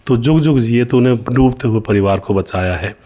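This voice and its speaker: A man's voice: mid-range voice, normal speed, warm tone, natural voice. A man voicing a poor, tender village mother, speaking in a pleading, protective way while telling a story. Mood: grateful.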